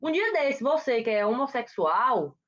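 A woman's voice: on the high side, sing-song, measured pace, a bit bright, lo-fi sound. A woman hosting a casual gossip chat, chatty and dramatic, with exclamatory asides. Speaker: gossip show host.

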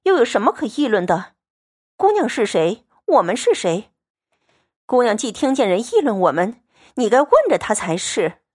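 A woman's voice: on the high side, sing-song, moderate pace, darkish tone, slightly rough. A woman voicing an indignant noble lady of the house who answers with sarcasm. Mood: sarcastic indignant. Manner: offended, sarcastic.

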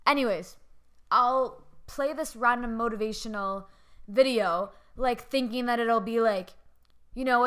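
A woman's voice: fairly high pitch, sharp tone. A woman hosting a casual solo podcast from home, rambling with many fillers and restarts. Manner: rambling, filler-heavy, lots of "like". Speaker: podcast host. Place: home with family nearby.

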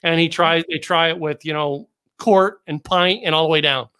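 A man's voice: a little high, steady tone, moderate pace, bright, forceful tone, clear, resonant tone. A man hosting a podcast interview, chatting casually and rambling through stories with restarts and chuckles. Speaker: podcast host. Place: Dallas area.

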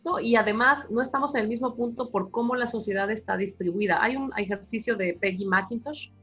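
A Mexican woman with a Mexican accent, an academic guest explaining her views in a lively conversational interview. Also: fairly high pitch, fairly quick, husky, dull audio, faint music behind. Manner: animated explainer, acting out quoted voices.

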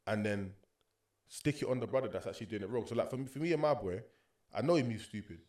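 A young man with a London roadman accent chats casually as a podcast co-host, slangy and opinionated, dropping tag questions like a street talker. His voice sits lowish and darkish in tone, and he talks fast and expressively.

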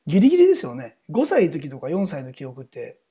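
A middle-aged man hosts a podcast, narrating the programme and conducting casual interview chat in a chatty, informal manner, often seeking agreement. He talks fast, his fairly high, mellow voice swinging hugely in pitch.

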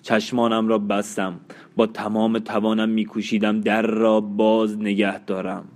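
A man narrates a literary audiobook in a measured, sombre way. His voice sits somewhat low, and he lets pauses hang between phrases. The reading is steady and unhurried throughout.

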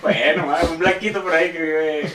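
Guy tossing in quick comments, high voice, far off mic. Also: fairly even intonation, reverberant, very noisy. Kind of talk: casual chat.

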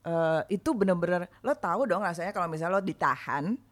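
A woman's voice: lowish voice, animated, quick pace. A woman performer chatting casually, telling candid stories with slang and fillers. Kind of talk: casual podcast chat.

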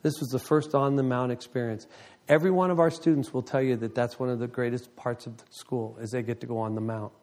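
A ministry leader in his fifties talks fast as he gives an emotional testimony to his congregation. He tells the story with great animation, and his voice surges high whenever excitement takes hold.

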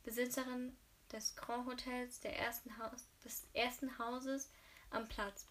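A woman's voice: fairly high pitch, little pitch movement, measured pace, fairly bright tone. A woman voicing a brooding male gangster and hotel owner, read aloud with slips and restarts, recorded from a distance with faint hiss. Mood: earnest.

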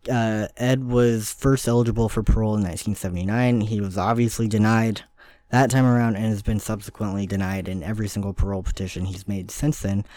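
A man's voice: on the low side, steady tone, quick pace, darkish tone, no room sound. A man co-hosting a podcast, casually chatting and reading out facts in an easygoing, matter-of-fact way. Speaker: podcast co-host. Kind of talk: casual chat, reading research notes.

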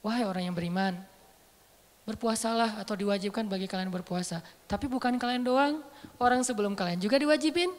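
Seorang ustadz pria menyampaikan ceramah agama dengan santai, hidup, dan penuh canda. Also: male voice, high-pitched, a little fast. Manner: animated, joking, conversational. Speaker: Islamic preacher. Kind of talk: casual religious talk. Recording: roomy hall with long reverb.

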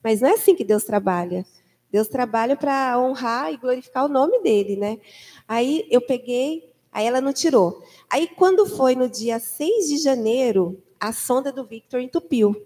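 A young woman tells a church testimony in a high, mellow voice. She acts out the voices of others as she tells it. Long reverb hangs behind her, as in a large hall. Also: normal speed. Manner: animated storytelling, acting out the voices of others. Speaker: mother giving a church testimony. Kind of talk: personal testimony in conversation.

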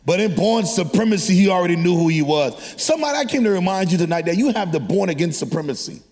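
A man delivers a sermon in a high voice that rings through a large hall with long reverb. He is exhortative yet conversational, addressing his listeners directly and prompting them with questions. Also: expressive, fast talker, a little mellow. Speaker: preacher. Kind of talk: energetic sermon to a congregation. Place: large hall, preaching to a live congregation.

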